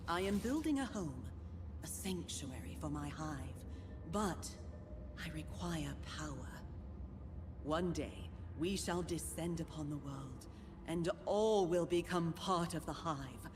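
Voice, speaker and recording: A woman's voice: low voice, animated, slow, noisy background. A woman voicing an imperious, menacing spider-like hive queen in a fantasy video game, regal and grandiose in her delivery. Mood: grand, possessive.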